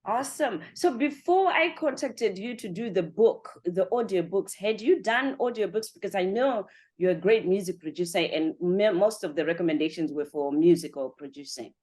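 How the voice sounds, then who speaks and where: A woman's voice: mid-range voice, animated, moderate pace, darkish tone. A woman hosting a podcast interview, talking in an effusive, chatty way with many 'you know' fillers. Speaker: podcast host. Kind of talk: interview conversation.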